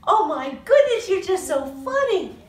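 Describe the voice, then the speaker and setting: A woman's voice: very high-pitched, very animated, moderate pace. An older woman, a grandmother, talking in playful, sing-song, exclamatory baby talk in a living room at home. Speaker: grandmother playing with toddler. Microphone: phone a few feet away. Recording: echoey room, noisy phone video.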